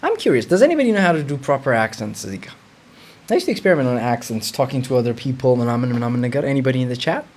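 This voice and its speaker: A man's voice: mid-range voice, sing-song, racing, darkish tone. A young man from Ethiopia, hosting a casual livestream. He is chatty, reads viewer comments aloud and hums while he thinks. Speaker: livestream host.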